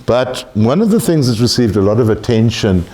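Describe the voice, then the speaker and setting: A man's voice: mid-range voice, big pitch swings, normal speed, darkish tone. A man lecturing a class on tax, blunt and joking, swearing casually.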